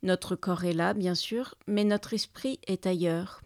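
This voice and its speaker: A woman host reading a folk tale aloud and then reflecting on it, in a calm, measured voice. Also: on the low side, no echo, clean studio sound. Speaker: storyteller and podcast host. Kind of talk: storytelling and reflective commentary.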